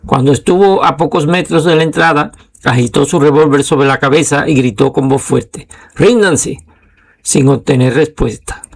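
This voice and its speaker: A man narrating a history documentary in a measured, steady way. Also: on the high side.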